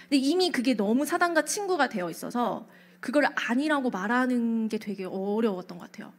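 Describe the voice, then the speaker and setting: A pastor's wife giving a testimony in a church worship service, telling her story in a lively way and acting out the voices in her head. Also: fairly high pitch, fairly quick.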